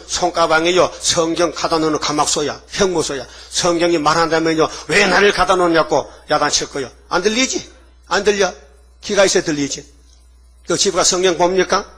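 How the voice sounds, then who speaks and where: An older man preaches a sermon in a husky, slightly high voice. He scolds in plain everyday speech and keeps putting questions to his listeners, checking that they follow. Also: brisk, fairly bright tone. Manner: colloquial, scolding, asks the congregation questions. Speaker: pastor.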